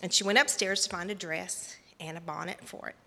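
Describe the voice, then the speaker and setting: A woman telling a children's story during a church service, in an animated, storytelling way. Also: lowish voice, fairly quick, creaky, long reverb tail. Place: church sanctuary.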